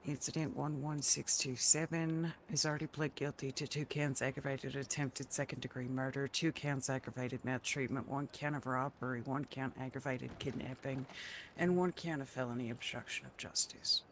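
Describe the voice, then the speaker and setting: A man's voice: mid-range voice, steady tone, moderate pace, a bit bright, a little hiss or hum. A man playing a prosecutor in a role-play courtroom, formally reading out long lists of charges.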